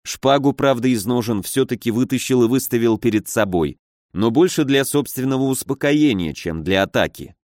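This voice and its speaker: A man reading a first-person fantasy story aloud with steady, measured storytelling. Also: medium pitch, dry recording, clean studio sound. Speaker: audiobook narrator.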